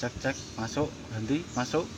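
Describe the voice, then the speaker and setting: A man's voice: medium pitch, moderate pace, heavy background noise. A man doing clipped radio check calls, heard through a walkie-talkie receiver beside a busy road. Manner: clipped two-way radio procedure. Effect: heard over a walkie-talkie receiver. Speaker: gadget reviewer. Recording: faint distant walkie-talkie audio.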